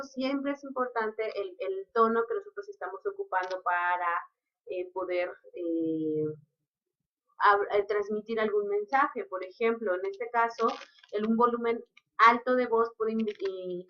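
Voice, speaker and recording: A woman explains her points in an unhurried, teaching manner. Her voice sits in the middle range for a woman. The recording is dull and lo-fi. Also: mid-range voice, steady tone. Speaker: lecturer. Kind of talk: recorded lecture.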